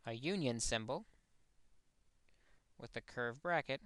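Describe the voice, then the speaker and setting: A man's voice: medium pitch, takes it slowly, a bit bright, clean tone, no room sound. A man teaching a recorded math lesson, explaining step by step and correcting his own slips.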